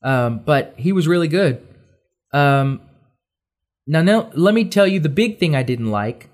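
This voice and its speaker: A man co-hosting a casual podcast chat, animated and acting out quotes as he talks. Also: on the high side, a little slow.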